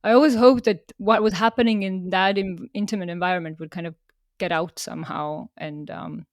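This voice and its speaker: A woman's voice: on the low side, steady tone, brisk, no echo, studio quality. A woman from Estonia, a podcast guest telling stories in casual talk and laughing often.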